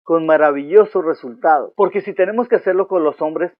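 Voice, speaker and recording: An older man preaching a sermon on marriage, swinging between hushed, gentle passages and loud, forceful ones. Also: on the high side, fairly quick, no echo, phone-quality sound. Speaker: pastor.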